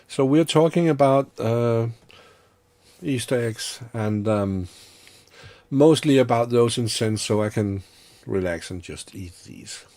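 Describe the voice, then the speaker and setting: A man's voice: medium pitch, slow, darkish tone, dry recording. A man hosting a casual online stream, hesitant and full of fillers. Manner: hesitant, many fillers, chuckling. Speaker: host.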